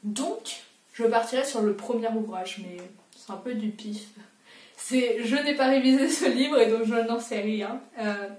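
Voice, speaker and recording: A woman's voice: on the high side, unhurried, a little mellow, recorded from a distance. A young woman talks through a quiz in a casual, self-mocking vlog voice. She sits a little back from the mic in a roomy, echoing space. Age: young adult. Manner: chatty, self-mocking, thinking aloud. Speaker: booktuber.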